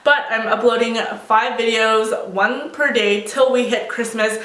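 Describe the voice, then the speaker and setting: A young adult woman vlogs in a casual, chatty way while mildly sick and recovering from tonsillitis, which makes her voice sound muffled and swallowed. She speaks on the high side, a bit bright, at a measured pace with fairly even intonation.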